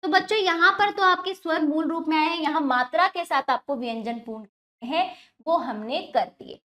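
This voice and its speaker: A woman with a high voice teaches a grammar lesson to young children. She patiently asks the class questions and then answers them herself. When she spells out example words, she slows down and stresses each one. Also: sharp tone.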